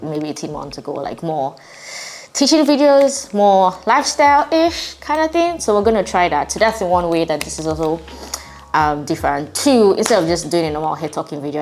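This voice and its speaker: A woman's voice: sits low, a little mellow, slight background noise. A woman in her twenties, hungover, talking casually and reflectively to viewers as a vlogger. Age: 20s. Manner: informal, reflective, conversational. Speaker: vlogger and channel host. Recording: music behind the voice. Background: music.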